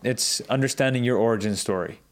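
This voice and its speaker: Friendly man hosting a casual interview. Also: mid-range voice. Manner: friendly, curious, asks quick follow-up questions. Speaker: podcast host.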